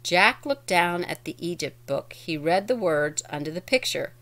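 Woman storybook reader, low-ish voice, clear and explanatory for kids. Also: lively intonation, moderate pace, a bit bright. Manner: clear, explains words as she reads. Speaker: reader of a children's book. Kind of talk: reading aloud to children.

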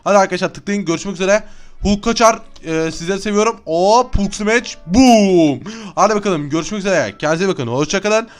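Young male let's-play host, high and fast, excitable yeller. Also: soft background music. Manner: excitable, chatty, often yells and laughs. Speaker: gaming YouTuber. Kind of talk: Minecraft let's-play commentary.

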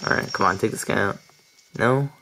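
A man's voice: lowish voice, brisk, vocal fry, pushed and bright, a little hiss or hum, low-quality recording. A young man casually commentating his gameplay, chatty and laughing often, tripping over his words. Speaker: let's play commentator. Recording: faint game music behind.

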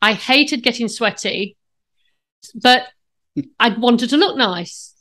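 A woman, a personal trainer talking as a guest, emphatic and animated, on a video call from home. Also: fairly high pitch, slow. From Britain. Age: 50s. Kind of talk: casual interview chat.

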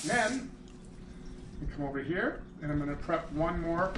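A man's voice: on the high side, lively intonation, unhurried, fairly bright tone, slight background noise. An American man in his thirties hosting a casual fishing vlog, talking in an enthusiastic, chummy, slangy way. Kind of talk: casual outdoor vlog talk. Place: truck cab, woods, home kitchen.

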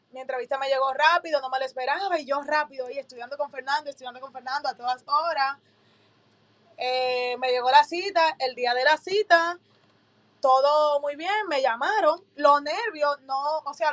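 A woman's voice: high voice, fairly bright tone. A young woman casually retelling a story, acting out both sides of the dialogue with lots of fillers. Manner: chatty, with many fillers. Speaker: applicant recounting her citizenship interview.

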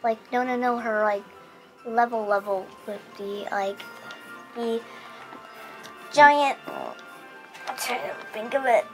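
Female gaming partner, high voice, casual chatter, clear game music underneath. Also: steady tone, slow, pauses often, rough recording. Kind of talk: casual gameplay chat. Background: video game music.

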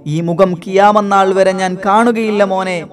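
A grieving, devout mother speaks softly and pleadingly to her young son, as a male narrator puts her on. The voice sits fairly high and stays gentle throughout the storybook reading. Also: fairly even intonation, unhurried. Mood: tender, prayerful. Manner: tender, pleading.

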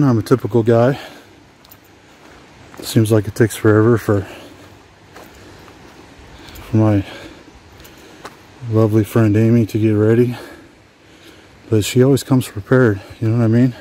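A man from Washington State chatting casually as he walks along old railway tracks, rambling and relaxed with frequent fillers. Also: medium pitch, normal speed, long pauses, a little hiss or hum. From Washington State, USA. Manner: talks while walking outdoors. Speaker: adventure vlogger. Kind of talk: casual hiking vlog commentary. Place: outdoors on abandoned railway tracks.

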